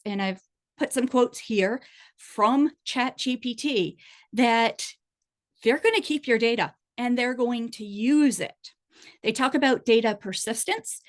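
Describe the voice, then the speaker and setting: Female webinar presenter, slightly high voice, conversational explainer talking over slides.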